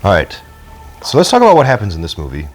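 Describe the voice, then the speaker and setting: Goofy, animated man wisecracking. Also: lowish voice, fast talker, soft background music. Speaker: podcast co-host. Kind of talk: casual movie review chat.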